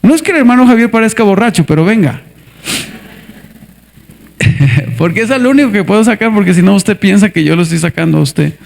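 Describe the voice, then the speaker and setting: A man preaching a sermon as a pastor, animated, acting out little scenes and asking the congregation to answer back. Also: sits high, brisk, vocal fry, pauses often. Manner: animated, asks the congregation for responses; acts out scenes with character voices. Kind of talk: lively sermon with acted skits.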